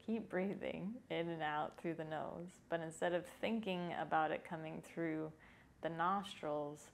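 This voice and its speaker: A woman with a fairly low voice and plenty of vocal fry leads a follow-along breathing lesson. She is calm and informal and takes her time between instructions, with a little noise behind her. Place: small indoor yoga room. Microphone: lapel microphone.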